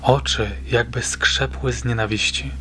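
A man reads a short horror story aloud as an audiobook narrator, measured and suspenseful in his delivery. His voice sits in the mid-range with fairly even intonation, and faint music plays in the background.

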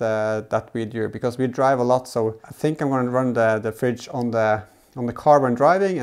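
This Norwegian man hosts a DIY car channel and vlogs from his home garage workshop indoors. His mid-range voice has a darkish, clean tone, and he explains things casually but hesitantly, often repeating words.

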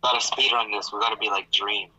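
A young man chatting casually in slang while gaming, an excitable, easily scared horror game streamer. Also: on the low side, quick pace. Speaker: gaming partner. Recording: dull, noisy lo-fi voice chat.

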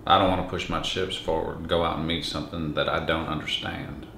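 A man's voice: very deep voice, fairly even intonation, a little fast, vocal fry, bright, forceful tone, heavily acted. A man in his thirties playing a plain-spoken, weary county sheriff in a reflective, troubled dramatic monologue. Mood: troubled, grave. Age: 30s. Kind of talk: dramatic monologue, audition-tape acting. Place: small bare indoor room against a plain wall. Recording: echoey room, faint background hiss.

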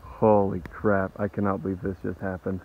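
A filmmaker outdoors recounting what he saw in animated, vivid play-by-play. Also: sits low, moderate pace, slight background noise. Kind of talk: excited field chatter. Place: outdoors in open country. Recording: dull lo-fi camera audio.

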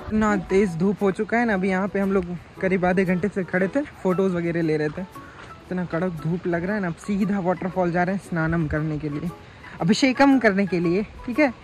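A young man narrates his trek in a chatty, upbeat way, teasing his friends as he goes. His voice sits high, and he talks into a handheld camera out on a mountain path. Music plays clearly behind him. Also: normal speed. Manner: chatty, upbeat, playful banter. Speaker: travel vlogger. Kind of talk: casual travel vlog narration. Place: outdoors on a mountain trail.

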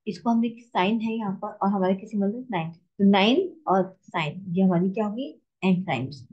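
A woman English teacher giving a lecture, explaining in Hindi and reading English lines out slowly. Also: medium pitch, lo-fi sound. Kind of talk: classroom lecture.

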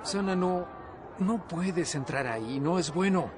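A man dubbing a gentle adult who firmly calms a grieving boy, in Latin American Spanish. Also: high voice, unhurried, very noisy. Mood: soothing. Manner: soothing, firm. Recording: loud crowd behind.

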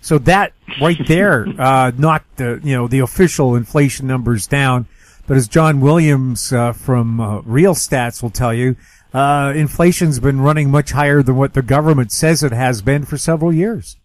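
A man's voice: medium pitch, moderate pace, no echo. A man hosting a radio interview and asking questions plainly. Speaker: radio show host.

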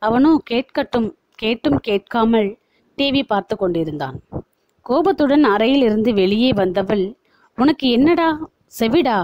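A woman reading a novel aloud in steady, even narration. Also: on the high side, normal speed, no room sound, lo-fi sound.

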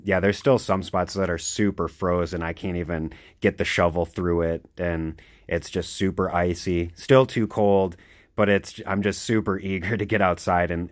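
Young man, very low voice, casual rambling narration, outdoors on a homestead, eager, lots of fillers. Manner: rambling, frequent "you know" fillers, enthusiastic. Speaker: homesteader vlogger.

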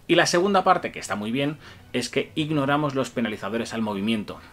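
A man's voice: on the low side, a bit bright. Guy hyped about game rules, chuckles a lot, lots of eh and vale, webcam in a small room. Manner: enthusiastic, chuckles often, many filler "eh" and "vale". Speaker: tabletop wargame rules reviewer. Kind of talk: explaining game rules to camera.

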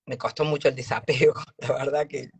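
Woman, host, casual chat, heartfelt storytelling, very low voice. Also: fairly even intonation, brisk, creaky, husky.

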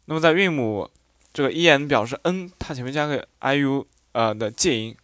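A man's voice: medium pitch, expressive, moderate pace, a bit bright, no echo, studio quality. A man teaching a phonetics lesson who reads example syllables aloud one by one and explains with frequent hesitant fillers. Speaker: dialect teacher.

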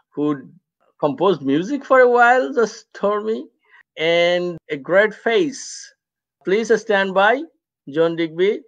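A man hosting a live online poetry reading, introducing his guests slowly and hesitantly with many fillers. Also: a little high, fairly bright tone, far from the mic, lo-fi sound.

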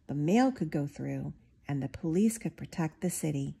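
A woman reads a children's picture book aloud. Her voice is warm and a little husky, sitting slightly low. She tells the story steadily and lifts into bright, excited voices for the characters. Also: normal speed. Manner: expressive, lively character voices. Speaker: storybook reader.

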